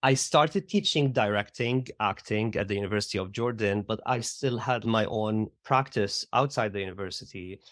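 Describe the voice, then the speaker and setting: A man's voice: on the low side, moderate pace, few pauses, a bit bright, dry recording, clean studio sound. A middle-aged man from Syria with a Syrian Arabic accent, reflectively telling his story in an interview and often adding "like" and "right?". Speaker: guest, theater educator. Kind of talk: conversational interview.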